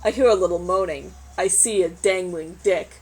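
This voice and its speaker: A woman's voice: fairly low pitch, normal speed, a little mellow, husky, rough recording. A woman reading a magazine story aloud in a casual group chat, adding wry, sarcastic asides.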